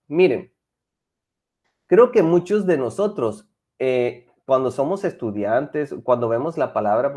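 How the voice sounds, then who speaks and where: Lively bilingual teacher. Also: male voice, medium pitch. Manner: lively, mixes Spanish and English, coaxing students. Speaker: English teacher. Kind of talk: online class for children.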